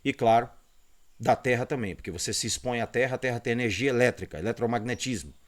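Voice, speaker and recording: A man's voice: medium pitch, fast talker. A man teaching an online esoteric course, explaining slides and often checking in with his listeners. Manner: didactic, pointing at slides, frequent "né?" and "ó".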